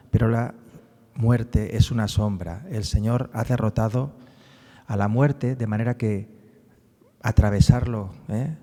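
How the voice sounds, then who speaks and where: A man's voice: fairly low pitch, mellow, long reverb tail. A man from giving a public talk about a book on the psalms, explaining as he goes and often tagging his sentences with little questions. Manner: explanatory, frequent tag questions. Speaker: speaker presenting a book on the psalms.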